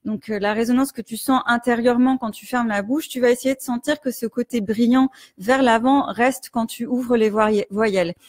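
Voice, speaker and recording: A woman teaching singing in a live stream, explaining resonance gently with many fillers and breaking into hummed and sung demonstrations. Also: fairly high pitch, steady tone, moderate pace, few pauses, no room sound, studio quality. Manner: demonstrates hums, vowels and sung exercises. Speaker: vocal coach.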